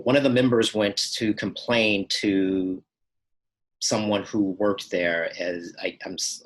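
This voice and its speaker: A man from Texas giving a measured, reflective first-person account of his experiences, pausing and restarting now and then. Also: sits low, a bit bright, husky, poor audio. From Texas, United States. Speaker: storyteller recounting personal experiences.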